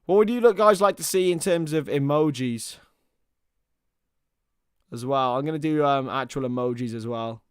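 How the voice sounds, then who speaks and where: A young man with a medium-pitched voice talks at a normal speed, pausing often, his tone clean and the studio sound free of echo. He's on a watchalong stream calling a football match live while chatting with viewers. It's casual live commentary, and he hops chattily between match calls and banter with chat.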